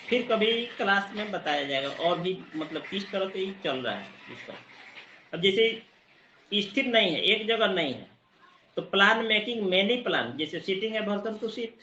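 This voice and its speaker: A high, bright male voice lectures to a study group, spelling out technical terms slowly as he explains. He is recording near a busy market, so the sound is echoey and a little dull, with faint noise behind him. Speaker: teacher.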